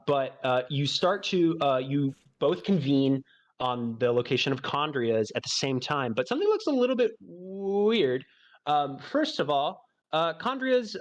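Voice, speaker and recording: Rambling male game master. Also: medium pitch. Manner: rambling, many fillers and restarts. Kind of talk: narrating a tabletop game.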